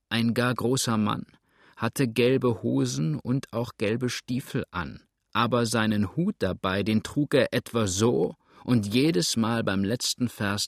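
A man voicing a wild, drunken male boatswain who shouts and chants a song. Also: mid-range voice, vocal fry, no echo, clean studio sound, full character voice.

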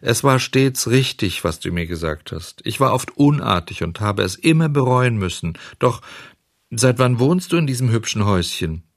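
A man's voice: mid-range voice, animated, normal speed, dry recording, studio quality, close to an everyday voice. A man voicing a cheeky but repentant puppet boy in an audiobook, with a raised boyish tone. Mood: contrite. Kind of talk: audiobook character voice.

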